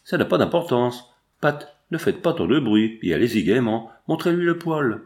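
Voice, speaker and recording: A man voicing a brisk, commanding adventurer. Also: mid-range voice, very animated, a little mellow, close to an everyday voice.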